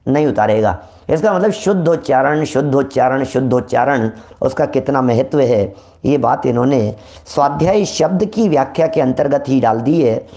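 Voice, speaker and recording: A man giving a religious discourse, reciting verses slowly and repeating key words for emphasis. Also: mid-range voice, lively intonation, mellow. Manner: slow, deliberate recitation of Sanskrit and Prakrit verses. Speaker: Jain scripture teacher.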